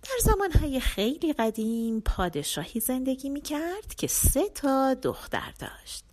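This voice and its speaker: A woman narrates a children's folk tale in a bright, fairly high voice. Her tone swings widely and expressively from line to line. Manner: expressive, animated. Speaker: storyteller.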